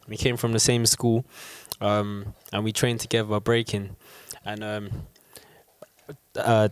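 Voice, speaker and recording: A man giving a steady account as an interview guest. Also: fairly low pitch, clean tone, no room sound. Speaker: crew member guest. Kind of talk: casual storytelling. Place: small DIY studio.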